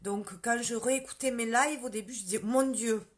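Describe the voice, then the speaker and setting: A woman's voice: fairly high pitch, fairly quick. A woman with a strong southern French countryside accent, chatting casually on a live stream, answering viewers' questions about her sales work and greeting commenters by name. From southern France. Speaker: beauty sales consultant.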